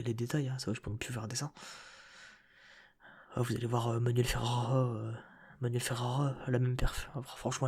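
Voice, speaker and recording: A young man whispers a rambling story straight into a close ASMR microphone. His voice is very breathy and husky, with a gravelly fry. The delivery stays flat and full of casual slang. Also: medium pitch. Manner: soft whispering close to the mic. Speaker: ASMR creator.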